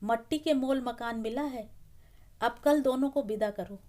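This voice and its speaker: A woman's voice: high-pitched, drawn-out words. Narrator voices a middle-aged man whispering a secret, sly. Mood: secretive. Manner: hushed, whispering.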